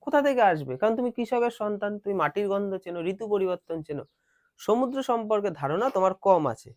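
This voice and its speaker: A man's voice: high voice, lively intonation, no room sound. Man teaching a lesson, dry sound. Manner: reads English slowly, then explains and quizzes students. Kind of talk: classroom lesson.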